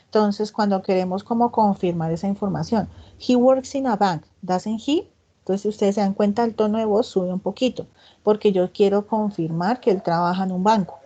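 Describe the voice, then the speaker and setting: Woman tutor, mellow dull-sounding online class. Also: mid-range voice, fairly even intonation. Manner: explains step by step, often checks in with "¿listo?"; reads English example sentences slowly and with emphasis. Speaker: English tutor.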